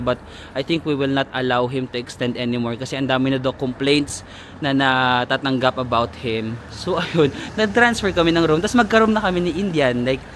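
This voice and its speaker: A man's voice: medium pitch, a bit bright. A Filipino man vlogging outdoors from a handheld phone, telling a playful, gossipy story and mixing in English. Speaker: travel vlogger. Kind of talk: casual vlog chat. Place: outdoors in a town in winter. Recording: faint street noise outdoors.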